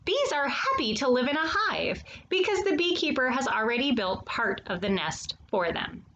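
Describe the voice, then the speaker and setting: With a very lively pitch, a storytime host reads a children's nonfiction picture book, talking directly to the kids, pausing and posing questions and slipping in brief asides. The audio is poor, with slight background noise.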